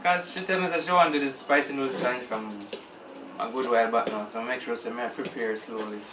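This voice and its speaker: A man's voice: mid-range voice, fast. Man chatting casually in an echoey room. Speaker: challenge participant in a couple's vlog. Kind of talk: casual chat. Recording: echoey room, far mic, clear noise.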